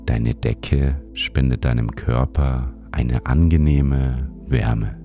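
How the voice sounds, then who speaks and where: Very deep, slow male sleep meditation narrator. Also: fairly even intonation. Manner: gentle, soothing, unhurried guiding. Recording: music behind the voice. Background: music.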